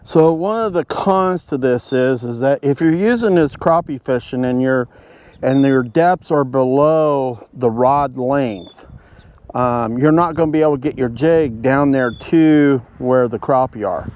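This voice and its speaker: A man giving a casual, halting, folksy fishing tutorial to camera, explaining things step by step. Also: medium pitch, darkish tone. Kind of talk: casual instructional talk to camera. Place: outdoors at home beside a pond. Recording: outdoor ambient road noise. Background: road noise.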